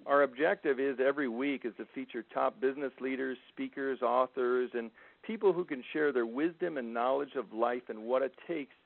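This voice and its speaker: A man introducing the show as host, steady and upbeat. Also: medium pitch, normal speed, creaky. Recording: dry tinny phone line.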